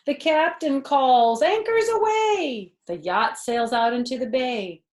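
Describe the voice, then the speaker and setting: A high-pitched, slow female voice reads aloud to children in a living room, belonging to a grandmother in her fifties. She reads with expression, explains words simply, adds brief asides, and asks the young listeners questions.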